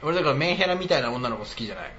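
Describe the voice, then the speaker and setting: A man's voice: mid-range voice, lively intonation, rapid-fire, pushed and bright, muffled recording, a little hiss or hum. A man streaming live in casual chat, blunt and teasing, often breaking into laughter.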